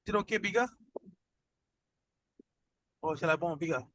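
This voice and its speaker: A man's voice: on the high side, moderate pace, fairly bright tone, dry recording. A man with a Malaysian accent teaching informally as an instructor, in colloquial Malaysian English peppered with 'lah'. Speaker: programming instructor. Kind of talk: informal lesson.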